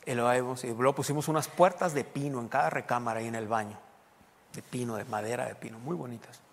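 A man preaching a sermon, talking conversationally and then pushing into loud, emphatic bursts. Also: mid-range voice, steady tone, quick pace, creaky, in a large hall. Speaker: pastor.

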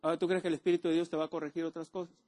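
A man's voice: on the high side, little pitch movement, very fast, a little mellow. A man preaching a sermon, repeating key words and asking the congregation for amens. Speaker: pastor.

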